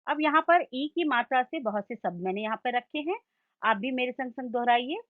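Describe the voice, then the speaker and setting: A woman teacher giving a Hindi lesson, slowly sounding out each word and explaining its meaning. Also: sits high, animated, narrow, tinny audio. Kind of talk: slow classroom lesson with call-and-repeat.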